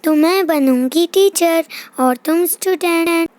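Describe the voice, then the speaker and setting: A squeaky little girl. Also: takes it slowly, darkish tone, no echo. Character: young girl, chatty and bossy with her brother. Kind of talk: toy doll play voice-over.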